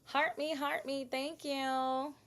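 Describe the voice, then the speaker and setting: Speaking slowly with a fairly bright, high-sitting voice and a flat delivery, a woman hosts a casual livestream to sell bath products. She's talkative, speaks directly to viewers, and asks them quiz questions about her products.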